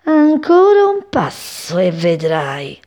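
A woman voicing a sly, hungry male cat in a children's story, speaking slowly and gloatingly. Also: lowish voice, huge pitch swings, warm tone, exaggerated voice. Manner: slow, gloating, drawn-out.

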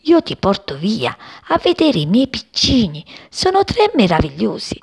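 A woman voicing an excitable young male sparrow who calls out in breathless, bursting cries. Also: mid-range voice, measured pace, creaky, slightly rough, voice pushed up, full character voice. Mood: eager.

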